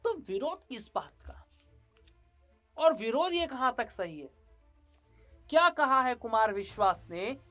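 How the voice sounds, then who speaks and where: A man's voice: very high voice, sing-song, takes it slowly, long pauses, bright, forceful tone. Emphatic male news anchor over faint music. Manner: repetitive emphatic narration, rhetorical questions. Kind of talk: news commentary.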